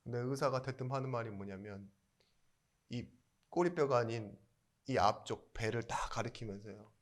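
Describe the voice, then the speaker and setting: A male pastor preaching a sermon in a chatty storytelling way. He asks the congregation questions and rises into loud emphatic bursts. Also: medium pitch, moderate pace.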